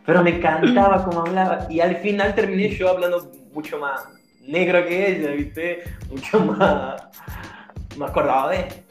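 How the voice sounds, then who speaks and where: A man's voice: high voice, moderate pace. Laughing man from Brazil telling stories. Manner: slangy, laughing, animated storyteller. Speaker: guest. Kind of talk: casual storytelling chat. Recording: roomy echo with faint music.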